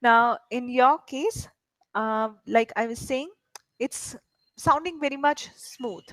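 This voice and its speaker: An English tutor from India coaches a learner in spoken English, explaining patiently and frequently asking questions to check in. Her voice is on the high side and a bit bright, and she speaks slowly. The recording is low quality but free of echo.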